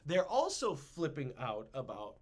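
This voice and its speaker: A man's voice: a little high, unhurried, husky. A man hosting a casual history podcast, joking around and slipping into silly voices. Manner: animated, jokey, puts on silly voices. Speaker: podcast host.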